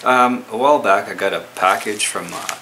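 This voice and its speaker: Chill guy in his 30s talking to the camera at home, lowish voice, bit of hiss behind. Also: moderate pace. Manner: laid-back, chatty, mildly grumbling. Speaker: vlogger. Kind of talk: casual home vlog. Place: home kitchen and living room. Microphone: camera mic.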